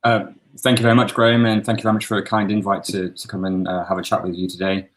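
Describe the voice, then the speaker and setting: Man, faint Geordie accent, deep voice, monotone, halting with fillers, video call. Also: poor audio. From Newcastle upon Tyne, England. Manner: halting, many fillers and restarts. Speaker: local councillor, guest.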